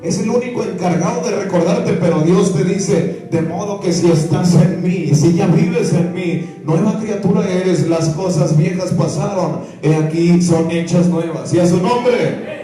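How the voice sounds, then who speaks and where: A man's voice: high voice, unhurried, hardly any pauses. A man with a Mexican Spanish accent preaching an impassioned sermon, now and then singing lines of a hymn and acting out the voices he quotes. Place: church hall. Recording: echoey church hall, mic at a distance, faint music.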